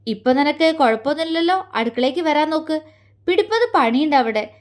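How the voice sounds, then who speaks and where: A woman's voice: high-pitched, normal speed, natural voice. A woman voicing a cold, disapproving older aunt-in-law who gives orders, in an audio story. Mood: curt. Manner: cold, commanding, grudging.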